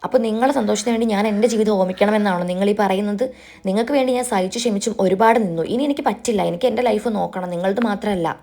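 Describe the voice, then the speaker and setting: A woman's voice: mid-range voice, racing, warm tone, close to an everyday voice. A woman voicing a stubborn young woman defying her mother, in a retold TV serial. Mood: defiant. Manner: defiant, insistent. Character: defiant young woman, stubborn, refusing arranged marriage.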